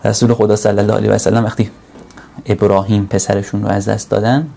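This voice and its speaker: Male preacher, warm gravelly voice, earnest sermon delivery that swells into slow emphatic peaks. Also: fairly low pitch, level tone, slight background noise. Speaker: religious speaker.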